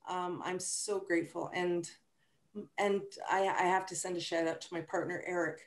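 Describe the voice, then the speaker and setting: A woman author on a video call, telling stories with dark humor in a lively, restarting way. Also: lowish voice, normal speed, roomy sound. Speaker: author at a book launch. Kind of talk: casual interview chat. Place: virtual event from home.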